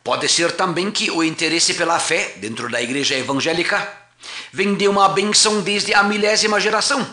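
A pastor narrates a documentary history, reading in a measured, formal voice. His tone is bright and forceful, pitched a little high for a man, and the room gives a clear echo.

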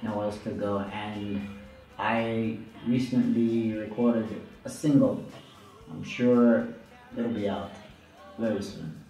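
A man in his thirties, a musician from Zambia, answering interview questions in a relaxed, unhurried way with fillers. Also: lowish voice. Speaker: musician guest. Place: small studio room, indoors. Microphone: studio mic on stand, headphones. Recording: roomy, slightly distant mic with music underneath.

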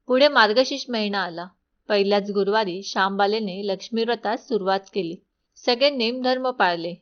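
A woman storyteller reading a devotional folk tale in a steady recitation, in slightly dull lo-fi audio. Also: mid-range voice.

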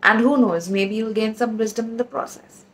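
A woman's voice: fairly high pitch, fairly even intonation, moderate pace, heavy background noise. A woman hosting a dental channel who says she sounds sleepy this early in the morning. She delivers scripted educational narration in an upbeat, playful, punny manner.

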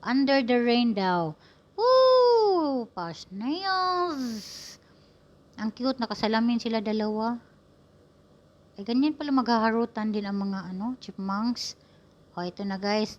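Filipina lady chatting over a clip, slow and teasing, kinda dull lo-fi sound. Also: mid-range voice. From Philippines. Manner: playful, teasing running commentary to viewers. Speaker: vlogger narrating a video. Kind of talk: casual voice-over commentary.

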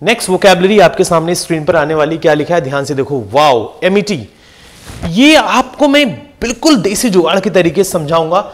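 A young man with a fairly high voice teaching vocabulary with lots of energy. He repeats each word and keeps asking his students quick questions, pushing them to focus and remember. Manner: lively, repeats words and asks quick questions to the class. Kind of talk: energetic exam-prep lesson.

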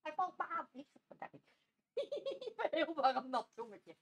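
High-voiced woman, lively sing-song pitch, playful dog-owner baby talk. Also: slow pace, muffled recording. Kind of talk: casual vlog talking to a pet. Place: home with a dog.

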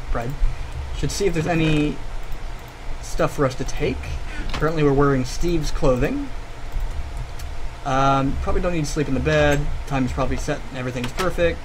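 A man hosting a video game playthrough in casual commentary, reading on-screen text aloud. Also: on the high side. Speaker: gaming video host. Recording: steady loud fan hum behind the voice. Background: fan noise.

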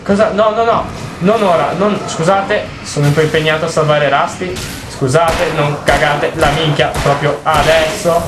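A man giving casual, excitable let's play commentary, swearing constantly and crying out at the game. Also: on the high side, moderate pace, hardly any pauses, music in the background. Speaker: gameplay commentator. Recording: roomy home recording, faint noise.

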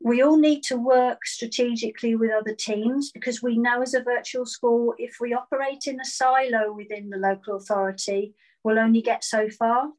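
A woman's voice: on the high side, level tone, normal speed, a little mellow, rough recording. A woman, a school head, answering interview questions earnestly on a video call and often repeating words as she starts a thought. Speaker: virtual school head teacher. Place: indoor room at home.

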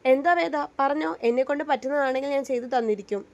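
Woman voicing a steady protective husband, high light voice, firm yet gentle. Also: fast talker. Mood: tender.

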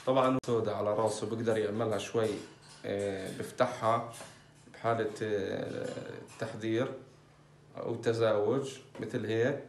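A man's voice: lowish voice, fairly even intonation, normal speed, far from the mic, slight background noise. Man, casual bird vlogger, talks loosely with fillers, roomy echo, set back from the mic. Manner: chatty, many fillers, talks while handling birds. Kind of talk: casual informative vlog. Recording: echoey, off-mic with faint ambience.

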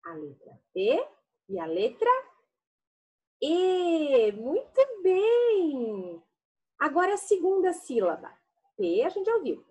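A woman teacher giving a lesson to young children, sounding out syllables slowly and coaxingly. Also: extremely high pitch, sing-song, a little mellow. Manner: slow, sing-song sounding out of syllables; affectionate, coaxing.

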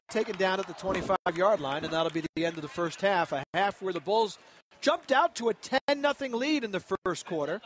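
A man's voice: high-pitched, fairly bright tone, a little hiss or hum. A man calling a college football game as play-by-play announcer, conversational and a little rambling. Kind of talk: sports commentary.

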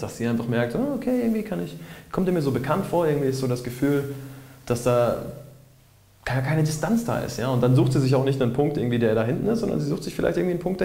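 A man coaching viewers on flirting in a casual, chatty monologue and acting out sample lines. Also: mid-range voice. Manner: acts out nervous and relaxed example lines. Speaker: dating coach. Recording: roomy echo.

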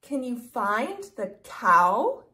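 Woman, extremely unhurried, animated, sing-song, exaggerated, simple repeated phrases, toddler-directed teaching. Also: fairly high pitch. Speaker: children's educational video host. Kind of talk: toddler lesson, talking slowly and simply to a small child.

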